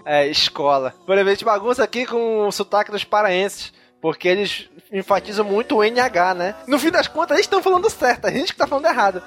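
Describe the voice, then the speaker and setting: A man's voice: sits high, lively intonation, fast, few pauses, a bit bright. A man from Amazonas with an Amazonas Brazilian Portuguese accent, hosting a casual podcast chat in a playful, laughing way.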